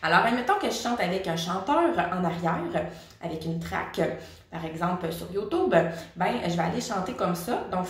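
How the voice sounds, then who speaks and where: Chatty Québécois woman in echoey room. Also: medium pitch. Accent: Québécois French. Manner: chatty, direct, addresses viewer informally. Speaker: singing teacher. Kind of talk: casual vocal lesson.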